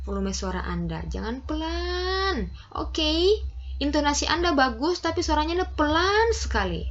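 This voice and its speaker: A woman's voice: fairly high pitch, fairly bright tone, muffled recording. A woman teacher giving a class lesson, explaining step by step with frequent "oke" and "ya" check-ins.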